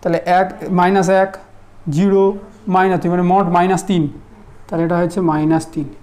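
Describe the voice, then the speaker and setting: A man teaching a math lesson in a relaxed classroom style, often asking whether students follow. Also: sits high, moderate pace. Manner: conversational, checks understanding often.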